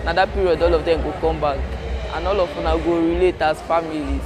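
A young basketball player from Nigeria, speaking Nigerian Pidgin English in a relaxed, chatty way. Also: male voice, on the high side, a little fast, noisy background. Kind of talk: casual interview answer.

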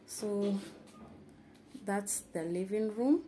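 Give me a young Kenyan woman chatting slowly through a house tour, mid pitch. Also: warm tone, slight background noise. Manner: chatty, slow and halting with many fillers. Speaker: vlogger. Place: small studio apartment indoors. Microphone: handheld phone camera, speaker off screen.

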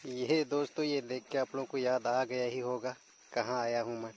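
A young man narrating a casual vlog to his viewers while walking through a dark forest at night, chatting slowly and laughing now and then. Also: mid-range voice, little pitch movement, a little hiss or hum. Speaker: vlogger. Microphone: handheld phone camera.

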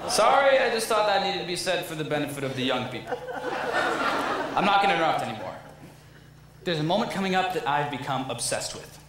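A man's voice: a little high, sing-song, a little fast, long pauses. A young man playing a wry, chatty theatre fan. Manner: chatty, wry asides to the audience. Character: wistful middle-aged male theatre fan narrator. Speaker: Man in Chair. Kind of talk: student stage musical acting. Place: school auditorium stage. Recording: echoey auditorium, audience noise.

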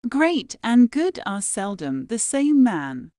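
A woman reads quotations from a script, slowly and deliberately, pausing after each phrase. Her slightly high voice rises and falls a lot, very animated and warm. The sound is dry and close, with no echo.

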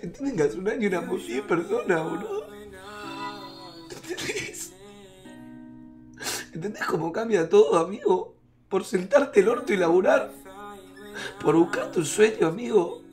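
A man's voice: high-pitched, very animated, unhurried, long pauses, darkish tone, soft background music. A young man with an Argentine accent, a streamer speaking emotionally to his viewers while holding back tears. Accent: Rioplatense Argentine. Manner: emotional, repetitive, keeps saying "amigo" and "boludo". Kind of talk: heartfelt talk to viewers.

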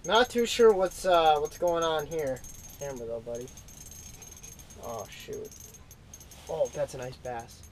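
Young male fishing vlogger, slightly high voice, casual how-to chat, small shelter, faint hiss. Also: a little slow, pauses often, low-quality recording. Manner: chatty, explaining while fishing. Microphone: camera-mounted shotgun mic with windscreen.

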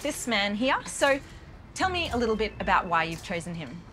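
A woman's voice: mid-range voice, very animated, moderate pace, fairly bright tone, poor audio. A woman, presenting a science documentary and interviewing volunteers in a friendly, upbeat way, outdoors and on a bus. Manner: upbeat, friendly, clear explanations. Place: outdoors by a beach and inside a parked bus. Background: background music.

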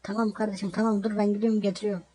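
A man playing a flustered male worker, higher and quieter than the man's own voice, sounding set back from the mic. The figure is apologetic and keeps pleading for calm in a hurried, husky tone. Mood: placating. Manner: apologetic, trying to calm the caller. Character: harried male worker on phone, placating.

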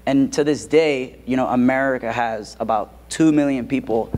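A man's voice: medium pitch, steady tone, moderate pace, darkish tone. A man co-presenting to students in a school auditorium, explaining steadily with frequent fillers.

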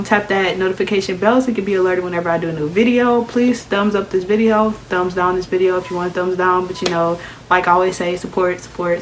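A woman's voice: mid-range voice, slight background noise, low-quality recording. A young American woman chatting casually in a beauty vlog, playful and sassy, with slangy talk and repeated phrases for emphasis. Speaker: beauty vlogger reviewing wigs. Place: small decorated room at home, indoors.

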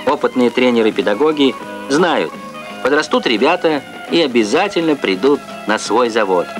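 A male narrator from an old Soviet newsreel. He reads formally and at a measured step, with lively intonation. Music plays clearly behind his voice on the archive soundtrack. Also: mid-range voice.

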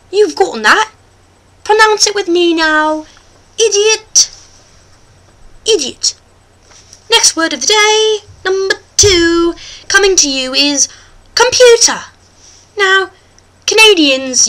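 Putting on an exaggerated British accent, a woman portrays a goofy, boastful male host of a comic vlog. Her very high, exaggerated voice makes for a rambling, excitable, and hammy presentation.

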